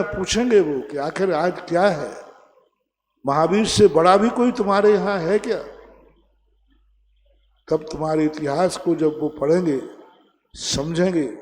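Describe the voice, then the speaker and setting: Slow, emphatic male preacher with reverb. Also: high voice, a little mellow. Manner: slow, emphatic preaching with playful teasing of the audience. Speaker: Jain monk preacher. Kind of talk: sermon.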